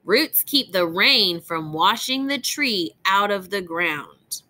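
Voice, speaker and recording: With an expressive, sharp-toned, mid-range voice, a woman reads a picture book to young children in a teacherly way. She phrases it deliberately for them and speaks to them directly.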